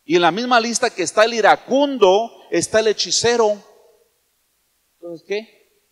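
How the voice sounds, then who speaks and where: High-voiced preacher in an echoey hall. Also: male voice, a little slow. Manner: emphatic, questions to the congregation. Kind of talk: sermon.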